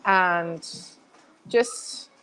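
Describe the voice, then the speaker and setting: Woman, interview guest, low pitch, chatty and halting, faint noise behind. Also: fairly bright tone, poor audio. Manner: chatty, many restarts and fillers, laughs often. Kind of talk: casual conversational interview.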